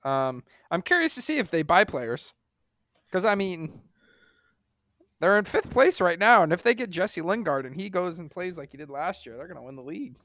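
A man's voice: high-pitched, very animated, moderate pace, bright, forceful tone, no echo. A man co-hosting a sports podcast with casual banter and a wry, dismissive fan's manner.

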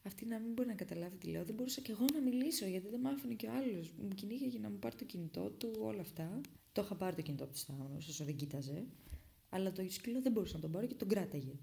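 A young woman from Greece telling a personal story in a casual, dramatic way, dropping to whispers and rising to loud bursts. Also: medium pitch, expressive, gravelly, slight background noise. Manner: dramatic retelling that swings between hushed whispers and loud bursts.

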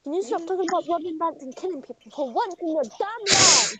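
A woman with a high voice co-hosts a casual podcast, recorded outdoors. She sounds exasperated and keeps pleading with the others to behave. The chatter of people around her carries clearly behind her. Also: animated, fast. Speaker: podcast co-host. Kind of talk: casual banter.

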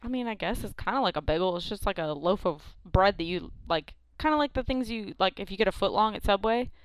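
Smooth-voiced woman, playful. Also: medium pitch, lively intonation, quick pace, no room sound. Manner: playful, quizzing, laughs often. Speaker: podcast co-host. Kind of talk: casual chat.

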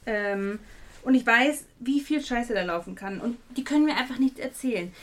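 A woman co-hosting a casual podcast chat, blunt and quick to swear, getting worked up as she tells her side. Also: fairly high pitch. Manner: blunt, swears freely, gets worked up when ranting. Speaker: podcast co-host.

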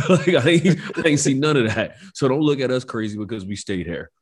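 An American man co-hosting a podcast, talking in a loose, slangy, animated way. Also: medium pitch, a little fast, husky. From United States. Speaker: podcast co-host. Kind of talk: casual chat.

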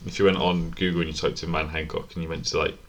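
A man's voice: rumbling low, little pitch movement. A British man co-hosting a casual podcast chat, joking and questioning his co-host. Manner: joking, quick to laugh.

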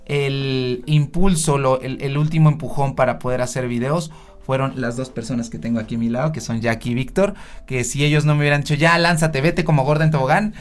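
A man's voice: mid-range voice, steady tone, a little fast. A man with a Mexican accent, a doctor telling his story on a panel in a sarcastic, joking way. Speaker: doctor and social media health creator. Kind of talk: panel talk, personal storytelling.

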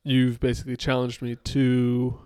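A man's voice: medium pitch, monotone, moderate pace, a little mellow, clean tone, dry recording, clean studio sound. A man in his late twenties in a casual, thoughtful chat with his partner, rambling with many fillers and restarts. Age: late 20s.

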